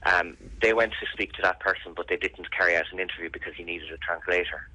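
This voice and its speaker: A man's voice: low voice, steady tone, quick pace, bright, forceful tone, dry recording, rough recording. An Irish man answering questions in a serious radio interview, earnest and insistent, repeating phrases for emphasis. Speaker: interviewee, bereaved brother campaigning for an investigation.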